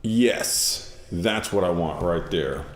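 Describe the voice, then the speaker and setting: A man streaming while he composes, thinking aloud in a halting, self-correcting way in casual livestream talk. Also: low voice. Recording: roomy sound with guitar behind.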